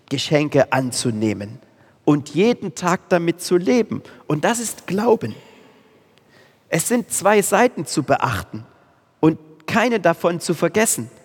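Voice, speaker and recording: A man preaching a sermon, slow and emphatic, repeating key phrases with weight. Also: a little high, slightly rough. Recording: long reverb in a church hall.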